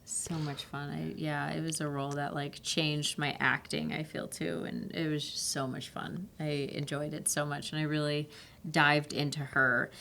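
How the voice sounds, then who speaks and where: A woman actress talking casually on a podcast, animated and full of "like" fillers. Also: sits low, moderate pace, gravelly, a little hiss or hum. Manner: animated, laughing storyteller with "like" fillers. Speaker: actress guest.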